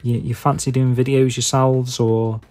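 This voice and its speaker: Mellow man with a Stoke accent. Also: medium pitch, level tone, normal speed, soft background music. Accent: Stoke-on-Trent English. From England. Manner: hesitant, self-deprecating waffling with many filler phrases. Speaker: YouTube video maker and podcaster. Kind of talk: casual rambling chat to viewers.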